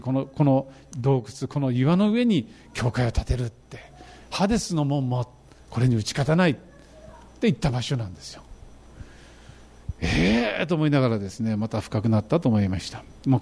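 A middle-aged man preaching a sermon, animated and fervent, describing travel photos to his congregation. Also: medium pitch. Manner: animated, rising to fervent emphasis. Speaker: pastor.

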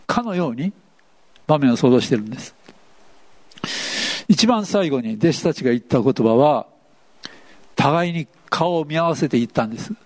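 A pastor delivers an interactive sermon, playfully putting questions to the congregation as he preaches. His voice is slightly high and a little mellow.

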